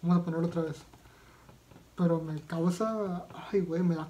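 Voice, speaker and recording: A man's voice: on the high side, fairly even intonation, moderate pace, warm tone, muffled recording, a little hiss or hum. A man with a Mexican accent doing casual reaction commentary as a video vlogger, talking in a slangy, profane way with lots of fillers and restarts.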